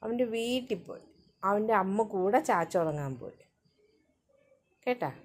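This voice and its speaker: A woman's voice: mid-range voice, expressive, measured pace. A woman filming her pet dog outdoors near her home gate, talking to it in coaxing, sing-song baby talk.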